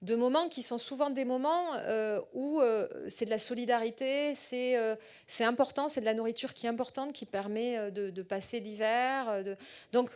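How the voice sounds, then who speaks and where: A middle-aged woman with a southwestern French accent gives a public lecture as a researcher. She often pauses on fillers and repeats words. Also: on the high side, darkish tone, clear, resonant tone.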